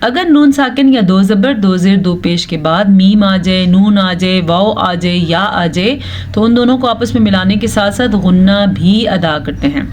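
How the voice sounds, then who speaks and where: A woman's voice: medium pitch, darkish tone, a little hiss or hum. A woman teaching Quran recitation rules step by step, explaining patiently and correcting common mistakes. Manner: explains rules patiently, then recites verses slowly and drawn out.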